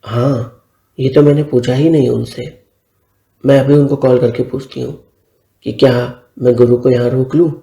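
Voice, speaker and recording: An emotional elder sister about to leave home for marriage, pleading one moment and scolding the next, put on by a male storyteller. The voice stays very dark and gravelly, with a roomy echo behind it. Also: mid-range voice, fairly even intonation, moderate pace, natural voice. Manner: hurt, pleading, then scolding. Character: emotional young woman, elder sister, bride-to-be.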